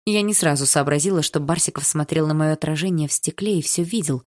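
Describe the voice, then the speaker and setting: A woman reading a first-person audiobook in a lively, sardonic storytelling manner. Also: sits low, fast talker. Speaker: audiobook narrator.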